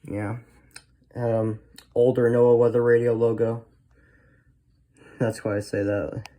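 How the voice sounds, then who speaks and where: A warm, level, mid-range male voice moves slowly as a hobbyist collector presents his video. The chat is casual show-and-tell, rambling, with ideas that often trail off.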